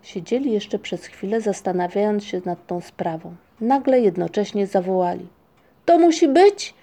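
A woman narrating a children's storybook in a measured, expressive reading. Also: medium pitch. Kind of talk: audiobook storytelling.

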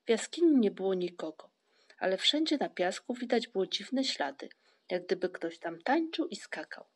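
Woman, storybook narrator, calm, measured, middle pitch. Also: slightly rough. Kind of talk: audiobook reading.

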